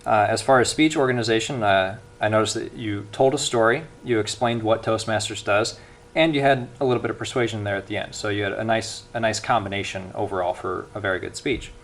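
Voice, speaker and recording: Young man, gravelly low voice, earnest speech evaluator, restarts a lot. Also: steady tone, a little fast, a bit bright, slight background noise.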